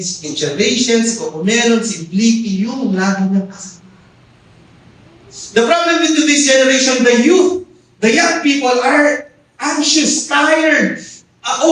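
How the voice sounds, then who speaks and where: A man's voice: high-pitched, fairly bright tone. A middle-aged Filipino man preaching a Taglish sermon as pastor, often calling out "amen?" to the congregation. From Philippines. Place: church hall. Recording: echoey hall, mic far off.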